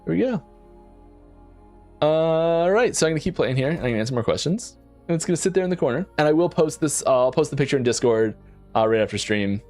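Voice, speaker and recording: Animated man chatting on a stream. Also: fairly high pitch, fast talker, faint music behind. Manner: lively, often repeats words and restarts sentences. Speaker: game developer hosting a Q&A stream. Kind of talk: casual livestream chat while playing. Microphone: desk mic.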